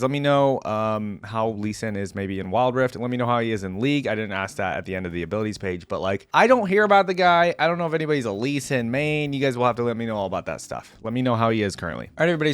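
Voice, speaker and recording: This is a YouTube reaction host, a man with a medium-pitched voice recorded dry. He gives casual commentary on a reaction video, talking informally and enthusiastically and dropping in frequent asides.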